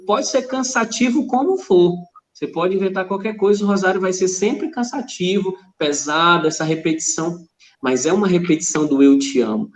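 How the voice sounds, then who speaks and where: A man's voice: sits high, moderate pace, echoey room. A man with a Brazilian Portuguese accent, a religious brother telling stories as a podcast guest, acting out dialogue and often adding "né?". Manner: storytelling with quoted dialogue, frequent "né?". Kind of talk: conversational testimony.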